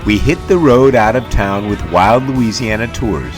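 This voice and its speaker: A man's voice: lowish voice, normal speed, faint music behind. A man reading scripted travel narration in the manner of a nature documentary.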